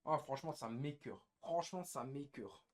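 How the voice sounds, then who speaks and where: A young man ranting on a live stream, bitter and frustrated, cursing often, repeating himself and swinging between loud outbursts and low muttering. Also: moderate pace. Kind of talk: casual live-stream rant.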